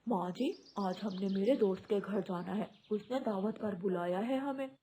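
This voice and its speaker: A woman's voice: medium pitch, moderate pace, warm tone, slight background noise, pitched below the performer's own voice, lightly acted. Woman playing a stern young husband bird. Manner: stern, questioning. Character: young husband bird, son caught between wife and mother.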